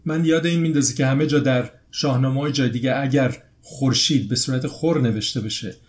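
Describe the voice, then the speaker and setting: A man hosts a discussion in a conversational way. He adds his own thoughts, then steers the talk on to the next point. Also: medium pitch. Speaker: host.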